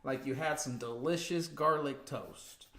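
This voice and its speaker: Chatty guy cohosting a spiritual stream, laughs a lot, kinda high voice, echoey room. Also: measured pace. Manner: animated, laughs often, emphatic. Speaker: co-host. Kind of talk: casual spiritual livestream chat.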